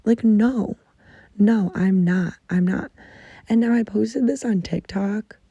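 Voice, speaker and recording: Gravelly young woman ranting casually. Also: medium pitch, slow, warm tone, dry recording, lo-fi sound. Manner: chatty, exasperated ranting with swearing. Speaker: podcast host. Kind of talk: casual chat. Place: bedroom, under a blanket. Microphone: muffled under a blanket.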